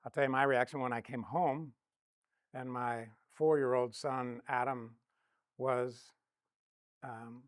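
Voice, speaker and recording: A man's voice: medium pitch, no room sound. A middle-aged man giving a counseling lesson, telling personal stories and acting out the quoted dialogue. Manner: storytelling, acts out quoted dialogue. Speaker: counseling instructor. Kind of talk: teaching talk with personal stories.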